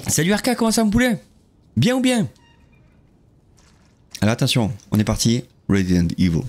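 A man live-streaming a horror game, chatting with viewers in a jokey, lively way and greeting them one by one. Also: mid-range voice, normal speed.

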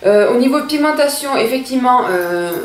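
A woman's voice: sits high, expressive, fairly quick. A young woman reviewing makeup in a chatty, gushing way, talking straight to her viewers. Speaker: beauty vlogger. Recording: echoey room, mic at a distance.

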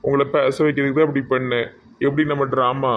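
A man's voice: mid-range voice, level tone, fast talker, narrow, tinny audio, natural voice. A man playing a playful young prankster friend in a comedy skit, with a Tirunelveli Tamil accent and an earnest, apologetic manner. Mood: teasing. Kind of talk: amateur comedy skit acting.

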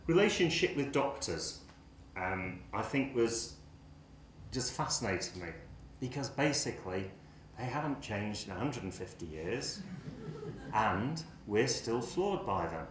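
A man's voice: fairly low pitch, a little slow, slight background noise. A man in his sixties with an English accent, giving a conference speech at a lectern in a lecture hall, wry and impassioned, talking with his hands. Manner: animated, gesturing, wry and impassioned. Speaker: pharmacy academic speaker.

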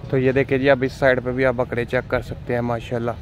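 Guy vlogging an outdoor cattle market, flat voice, noisy outside. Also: medium pitch, fast talker. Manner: flat, repetitive, keeps praising the animals. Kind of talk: walking tour commentary. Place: outdoor livestock market under tents. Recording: outdoor noise behind voice.

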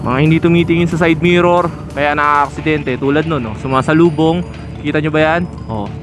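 A man's voice: on the high side, a little fast, music in the background. A man giving casual, instructive commentary while riding a motorcycle on open roads, recorded on a helmet-mounted action camera. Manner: chatty, instructive, points out riders. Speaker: motovlogger. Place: outdoors on a moving motorcycle on a road.

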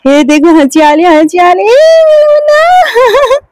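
A woman's voice: extremely high pitch, big pitch swings, normal speed, a little mellow, dry recording. A mother with a Rajasthani accent coaxing her child awake in sing-song baby talk, filmed on a phone at home. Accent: Rajasthani Hindi. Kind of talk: casual home vlog.

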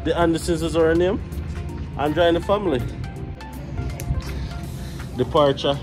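Music plays in the background as a Jamaican-accented family vlogger and father walks through a small airport terminal indoors, offering relaxed, chatty narration to camera. His pitch is fairly high and his pace a little slow during this casual walkthrough.

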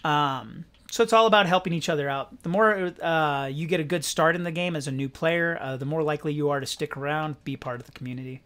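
A man's voice: a little high, fairly quick, hardly any pauses. A young man hosting a gaming channel, giving casual, rambling commentary with lots of fillers. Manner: relaxed, rambling, many fillers.

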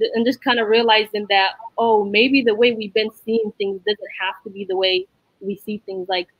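A woman's voice: medium pitch, no room sound, muffled recording. A woman in her twenties, born in Somalia, speaking earnestly and reflectively about her own life on a video call from a room at home. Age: 20s. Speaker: youth program member. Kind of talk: personal testimony on a video call. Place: room at home with a whiteboard behind. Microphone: laptop webcam video call.

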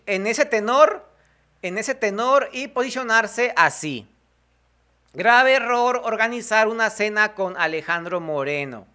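A Mexican man with a strikingly high, bright voice. He talks in a casual, irreverent way about politics. He reads posts out slowly and breaks off with mocking, crude jokes. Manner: reads posts aloud slowly with sarcastic asides. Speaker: political commentary YouTuber.

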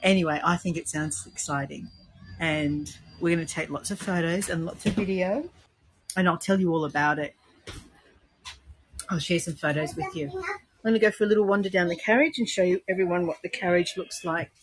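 A woman's voice: fairly low pitch, animated, normal speed, slightly rough, no echo, rough recording. A woman hosting a travel vlog, chatting eagerly and pointing things out as she walks through a train carriage. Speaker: travel vlogger host. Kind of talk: casual walking tour narration. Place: aboard a moving steam train carriage.

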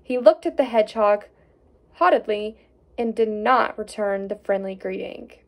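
A woman reading a fairy tale aloud in an expressive storytelling way, with small slips. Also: mid-range voice, moderate pace.

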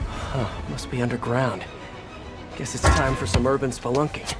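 A man's voice: medium pitch, steady tone, normal speed, over loud music, natural voice. An actor playing a friendly, earnest young male superhero in a video game, casual and quippy. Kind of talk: video game dialogue and musing to himself.

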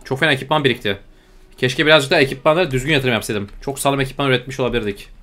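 A young man talks through a strategy game at a quick clip in a casual, slangy way. His voice sits in an ordinary middle pitch, and he keeps grumbling in exasperation at the game. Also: pushed and bright. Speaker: gaming YouTuber. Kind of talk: casual let's-play commentary.

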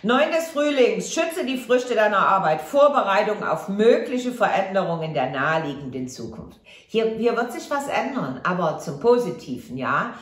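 A woman's voice: mid-range voice, very animated, moderate pace, hardly any pauses, roomy sound. A woman giving a casual tarot reading to camera, chatty and reassuring, often tagging on a questioning "ja?". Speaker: tarot reader.

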